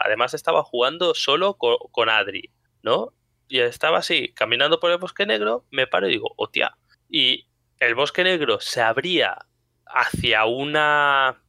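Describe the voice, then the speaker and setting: Bright, animated Spanish man telling stories. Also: mid-range voice, dry recording, clean studio sound. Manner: animated storytelling, frequent laughter. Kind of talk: casual chat.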